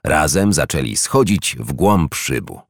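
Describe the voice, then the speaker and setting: A man with a low voice reads a children's storybook aloud. His delivery is expressive and swings widely in pitch. The recording is dry and close. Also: unhurried, dry recording. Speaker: narrator. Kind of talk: storybook narration.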